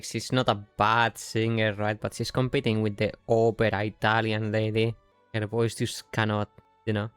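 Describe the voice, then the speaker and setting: A man's voice: lowish voice, clear, resonant tone, dry recording. A man with a Yorkshire accent, chatting casually while streaming a game, rambling and breaking off mid-sentence. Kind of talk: casual live-stream commentary.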